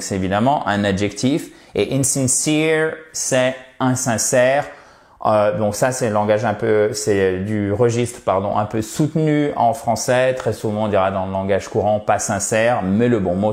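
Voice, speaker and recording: A man teaching English in French, slowly explaining test answers and modeling pronunciation. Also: mid-range voice, reverberant. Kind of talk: French-language English lesson.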